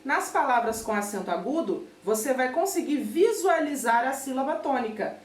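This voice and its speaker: Brazilian teacher lady, kinda high voice, a bit off mic in a roomy space, keeps checking in. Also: animated, moderate pace, far from the mic. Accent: Brazilian Portuguese. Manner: patient, checks in with listeners often. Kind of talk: recorded remote class explanation.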